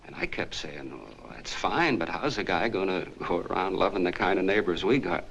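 A folksy, rambling soda jerk. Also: male voice, low-pitched, lively intonation, normal speed, vocal fry, a bit bright, lo-fi sound, a little hiss or hum, exaggerated voice. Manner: folksy, rambling, chatty storytelling. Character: earnest small-town soda jerk, middle-aged man. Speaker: soda fountain clerk telling a story. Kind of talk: 1940s film acting.

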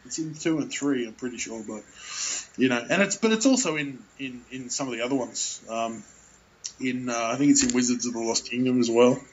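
A man's voice: medium pitch, fairly quick, slight background noise. Rambling man, dull lo-fi sound. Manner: rambling, many fillers and restarts, laughs often. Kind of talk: casual chat about films.

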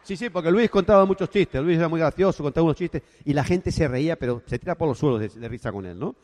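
Animated storyteller. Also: male voice, fairly high pitch, fast talker, long reverb tail. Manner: animated storyteller, acts out dialogue with sound effects. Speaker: speaker telling his business story. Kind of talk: anecdotal motivational talk.

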